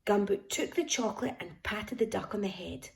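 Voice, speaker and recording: A woman reading a picture book aloud to a child, expressive and affectionate, dropping at times into hushed whispers. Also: medium pitch, moderate pace, creaky. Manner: affectionate toward listener. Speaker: storyteller.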